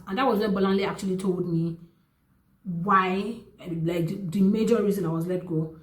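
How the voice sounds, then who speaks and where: A young Nigerian woman tells a personal story straight to the camera, earnest and animated, often stopping to rephrase. Her voice sits in a middle pitch and leaps up when she stresses a point. The room is echoey around her. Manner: earnest and animated, with many restarts and pitch jumps for emphasis. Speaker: vlogger. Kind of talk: casual storytelling.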